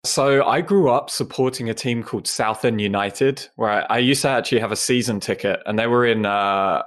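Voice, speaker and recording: A man's voice: mid-range voice, moderate pace. A man in his thirties from Essex with an English accent, chatting casually and self-deprecatingly as an interview guest. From England (Essex). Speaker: podcast guest.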